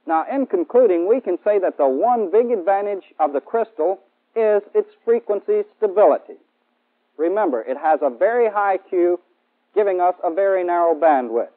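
This high, expressive male voice belongs to an American in his thirties lecturing formally and methodically as a military instructor in a 1960s training film. He speaks at normal speed on an indoor studio set, and the narrow, tinny audio reflects its band-limited 1960s soundtrack.

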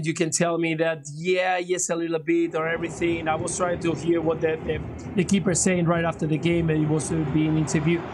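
A man's voice: a little high, darkish tone, low-quality recording. A middle-aged man giving football opinions over a video call from a room at home, often restarting his words. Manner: hesitant, repeats words. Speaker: football pundit. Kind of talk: remote TV punditry.

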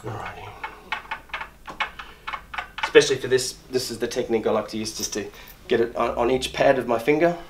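A middle-aged male barber and shop owner talks through a shave step by step in an indoor barber shop. He speaks a little fast at a medium pitch, explaining as he works with frequent restarts and repeated words.

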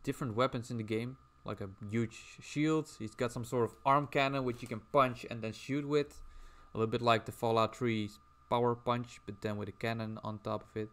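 A man's voice: medium pitch, fairly even intonation, a little fast, few pauses. A man streaming casually as he draws, rambling and chatting while reading out viewer messages. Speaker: livestreamer.

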